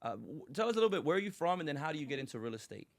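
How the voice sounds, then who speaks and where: A man's voice: on the high side, very animated, racing, vocal fry, dry recording. A man hosting an interview, asking questions with stammering restarts and casual asides. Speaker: interview host.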